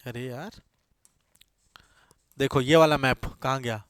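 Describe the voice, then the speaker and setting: A man's voice: medium pitch, steady tone, slow pace, clean tone, dry recording, clean studio sound. A man giving an exam-prep coaching lecture in a classroom. He keeps quizzing his students with repeated questions, answers them himself, and mixes English phrases into his talk. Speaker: coaching teacher.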